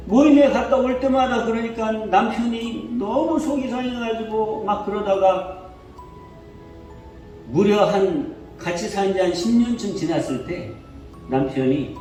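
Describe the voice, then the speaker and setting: A male pastor preaching a sermon in a church, telling a story with lively questions to the congregation. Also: sits high. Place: church sanctuary. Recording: echoey church hall from far off, faint music.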